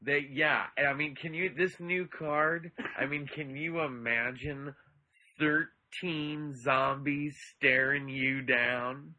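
A man co-hosting a casual comedic podcast, rambling and filling pauses with ums and uhs. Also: fairly high pitch, steady tone, pushed and bright, muffled recording. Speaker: podcast co-host.

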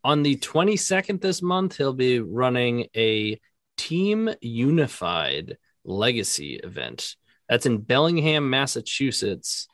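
A male podcast guest who talks in a plain, matter-of-fact way. His voice is mid-pitched for a man, and the recording is close and dry. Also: big pitch swings, takes it slowly, a bit bright, no echo. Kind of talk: casual chat.

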